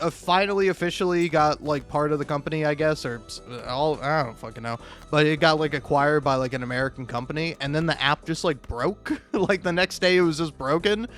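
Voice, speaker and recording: A video game streamer, high on drugs, offers casual, meandering commentary on his gameplay, swearing freely and poking fun at himself. He chuckles often as he talks, in a fairly bright, slightly high voice.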